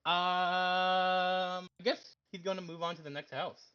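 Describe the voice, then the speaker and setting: A man playing in a tabletop game over an online call, playful and quick to laugh. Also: high-pitched, smooth, muffled recording. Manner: playful, laughs a lot, animated. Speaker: player. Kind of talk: casual tabletop game chat.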